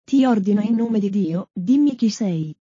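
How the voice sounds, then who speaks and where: A woman voicing a stern male exorcist priest who gives slow, solemn commands, on a dull, dry, lo-fi recording. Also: medium pitch, animated, mellow, husky, dry recording. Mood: commanding.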